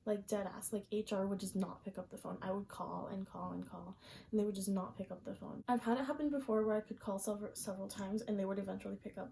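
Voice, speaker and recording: Young female vlogger, gravelly and low-toned, exasperated slangy rant, faint room noise. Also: mellow, low-quality recording. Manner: exasperated, slangy, swears a lot. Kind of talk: casual venting rant.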